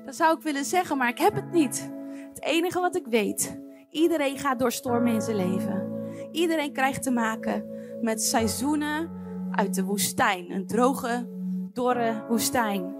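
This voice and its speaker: A woman's voice: a little high, a little slow, music in the background. A woman preaching a sermon to her congregation, earnest and pleading, speaking directly to her listeners.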